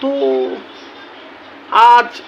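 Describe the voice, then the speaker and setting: A man talking earnestly to his viewers as a YouTuber, slow and deliberate, often repeating key words for emphasis. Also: a bit bright, muffled recording, a little hiss or hum. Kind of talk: earnest casual talk to camera.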